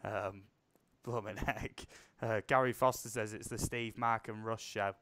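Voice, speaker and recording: A man's voice: on the low side, fairly even intonation, a little slow, a bit bright. A British man hosting a live stream, chatting casually and laughing often. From United Kingdom. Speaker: stream host. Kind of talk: casual chat.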